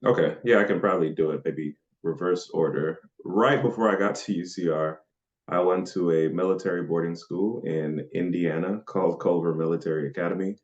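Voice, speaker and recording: Super deep-voiced guy from nigeria chatting loosely in an interview, kinda muffled lo-fi sound. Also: brisk. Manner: relaxed and chatty, with frequent fillers and laughs. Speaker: podcast guest. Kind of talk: casual interview answers.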